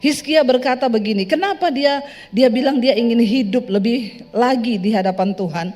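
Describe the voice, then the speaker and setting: High-voiced woman preaching in a hall. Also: normal speed. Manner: lively joking preaching, addresses congregation directly. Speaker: pastor. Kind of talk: sermon. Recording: reverberant hall with soft music.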